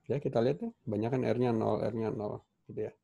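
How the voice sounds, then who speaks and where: Male welding instructor with an Indonesian accent, mellow tone, loose and halting delivery, computer mic on a call. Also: on the low side, steady tone, gravelly, muffled recording. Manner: casual, halting, many fillers and restarts. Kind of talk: online class lecture. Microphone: computer mic on a video call.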